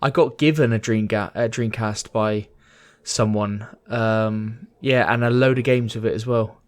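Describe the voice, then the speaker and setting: Excitable man hosting a podcast. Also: fairly low pitch, unhurried. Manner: excitable, swears freely, hypes things up. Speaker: podcast co-host. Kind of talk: casual gaming chat.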